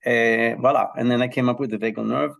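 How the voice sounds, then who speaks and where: A middle-aged man, a health psychology professor, explaining his research as an interview guest, telling it lively with frequent ums and throat-clearing. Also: medium pitch, fast.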